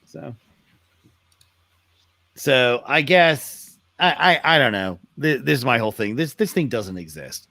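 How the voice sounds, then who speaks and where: A man's voice: mid-range voice, sing-song, measured pace, vocal fry, pauses often, sharp tone, no room sound. A man co-hosting a casual car podcast, wry and opinionated, often trailing off. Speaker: podcast co-host.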